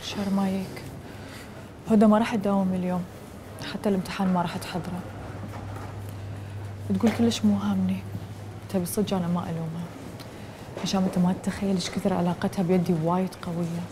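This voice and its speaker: A woman's voice: on the low side, steady tone, fast talker, pauses often, noisy background, close to an everyday voice. An actress playing an earnest young woman. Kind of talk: TV drama acting.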